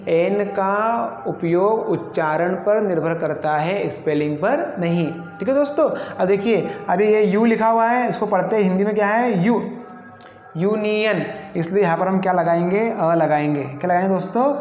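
Guy teaching class, high voice, asks then answers himself, muffled roomy recording. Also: normal speed, a little mellow, faint music behind. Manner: repeats questions to the class and answers them himself. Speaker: English teacher. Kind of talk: classroom lesson. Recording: echoey, muffled room recording.

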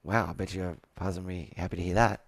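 Deep-voiced and steady in tone, a man in his thirties moves at a quick pace while coaching sales on a video call. The session is live roleplay in an indoor room with a whiteboard, and he leans on repeated phrasing to sound persuasive and emphatic.

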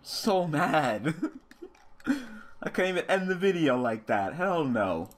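A man's voice: a little high, sing-song, takes it slowly. A young man hosting a casual card game commentary, swearing constantly and ranting about losing. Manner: swears constantly, ranting and furious over a loss. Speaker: host.

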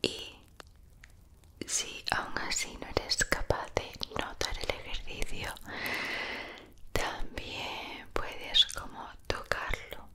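A woman from whispers soothing ASMR very close to the microphone, breathy and unvoiced, softly repeating words. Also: drawn-out words, long pauses. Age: 20s. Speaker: ASMR creator. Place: small indoor room. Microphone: close-up studio microphones.

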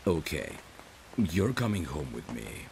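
In this romantic ASMR roleplay, a man voices a caring, protective friend who is secretly in love, speaking tenderly and intimately. His very deep, slightly mellow voice swings widely in pitch at a measured pace, with rain ambience and slight background noise behind it.

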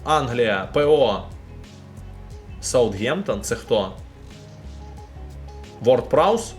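A man's voice: mid-range voice, very slow, soft background music. A young man from Ukraine casually commenting live while opening game packs and talking to his chat. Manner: chatty, animated, talks to chat.

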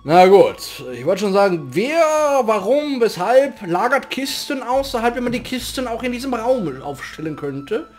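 A man gives casual let's play commentary. His voice is high and very animated in pitch, with dry joking asides and faint game music underneath. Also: normal speed, hardly any pauses. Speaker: let's player. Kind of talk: casual gameplay commentary with dialogue read aloud.

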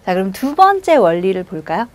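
A woman teaching a language lesson, giving slow, drawn-out model pronunciations and patient explanations. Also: medium pitch, very animated. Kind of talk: classroom lecture.

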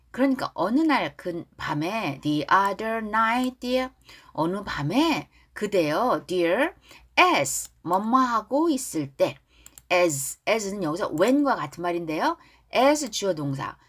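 Slow, lively-voiced woman teaching lyrics. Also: medium pitch, breathy edge. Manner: drawls lyric lines slowly for repetition, then explains quickly. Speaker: English teacher. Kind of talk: pronunciation lesson on song lyrics.

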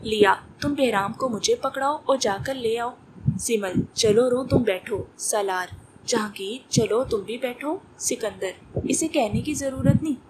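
A woman's voice: fairly high pitch, measured pace. A woman narrating a romance novel, reading all the parts in her own voice. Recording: noisy recording with clicks.

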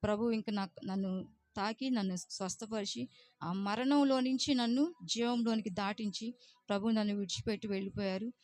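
A woman's voice: mid-range voice, moderate pace, a little mellow. Earnest woman. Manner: emotional, earnest storytelling with English words mixed in. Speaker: church member giving testimony. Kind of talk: personal testimony.

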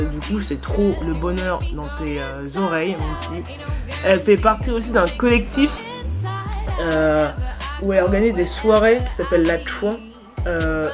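Woman with an eastern French accent, casual music chat, low-ish voice, rambling and slangy, music bed clearly audible. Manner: slangy, excitable, rambling with many fillers. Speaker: music YouTuber. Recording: music playing clearly behind the voice.

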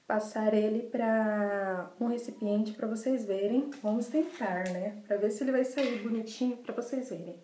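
Showing desserts in a casual vlog, a young woman with a Brazilian Portuguese accent talks to the camera and repeats words to stress them. Her voice sits at a medium pitch and sounds mellow. The small, bare room she's in gives the audio an echo.

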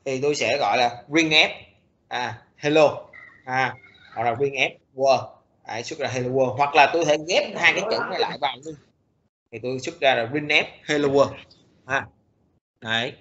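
A man giving a recorded programming lecture, speaking haltingly with many fillers and restarts. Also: mid-range voice, a bit bright, highs cut off.

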